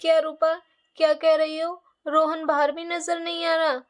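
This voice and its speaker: A woman voicing a calm older grandmother who soothes the family. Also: very high voice, unhurried. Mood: soothing.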